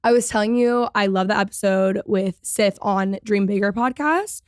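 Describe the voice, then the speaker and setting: A woman's voice: mid-range voice, moderate pace, no room sound, studio quality. A young woman hosting a podcast interview, enthusiastic and gushing, with many "like" fillers. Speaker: podcast host.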